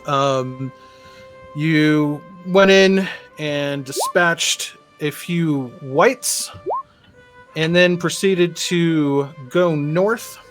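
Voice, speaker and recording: A man narrating a tabletop role-playing session as game master, pausing often with ums and uhs. His voice sits a little high and he speaks very slowly, with faint music underneath. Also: fairly bright tone. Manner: hesitant, many fillers.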